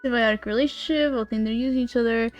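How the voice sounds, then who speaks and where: A woman's voice: fairly high pitch, fast, lo-fi sound, faint music behind. A young woman co-writing a game, chatting and laughing easily on a livestream. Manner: laughing, upbeat. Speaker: co-writer guest. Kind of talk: casual chat on a livestream.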